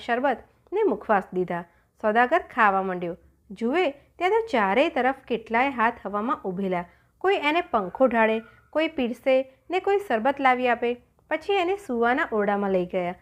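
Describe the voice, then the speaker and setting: A woman narrating a children's audiobook story, with an expressive, storytelling manner. Her voice sits fairly high and rises and falls with lively, animated pitch.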